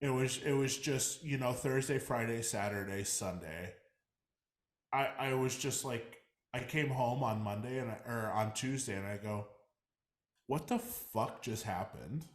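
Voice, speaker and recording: A man co-hosting a podcast in casual chat, animated and swearing freely, repeating himself as he talks. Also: mid-range voice, moderate pace. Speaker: podcast co-host. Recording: roomy echo.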